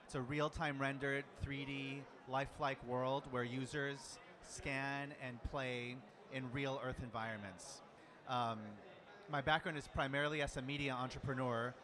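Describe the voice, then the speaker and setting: A man from the United States, a startup founder, introducing himself on a conference panel in a relaxed, conversational way. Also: medium pitch, unhurried. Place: conference room with audience. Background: crowd murmur.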